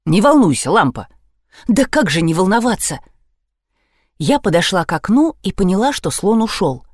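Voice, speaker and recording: A woman narrating an audiobook expressively, raising her pitch for the characters. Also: normal speed, no room sound, studio quality. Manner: lively, voices characters with raised pitch.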